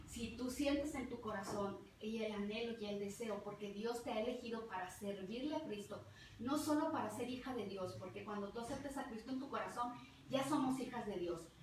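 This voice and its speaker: A woman's voice: a little high, noisy background. A middle-aged woman with a Mexican accent, preaching a fervent testimonial sermon and repeating words for emphasis. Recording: very echoey hall, distant mic, faint ambience.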